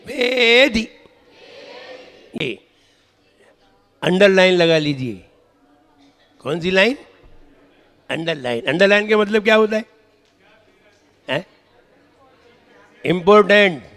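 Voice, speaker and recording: Man with a very slow delivery, clear high voice, monk drilling chant pronunciation, long hall echo. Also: lively intonation, a bit bright. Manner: corrective, drills syllables, chants verses slowly. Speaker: Jain monk teaching recitation. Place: temple hall. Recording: reverberant hall.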